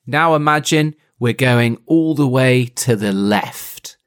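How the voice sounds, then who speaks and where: A man's voice: medium pitch, takes it slowly, clear, resonant tone. A man co-hosting a podcast, retelling a book in a playful, teasing, jokey way. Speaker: podcast co-host, reader. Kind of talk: casual podcast chat and retelling.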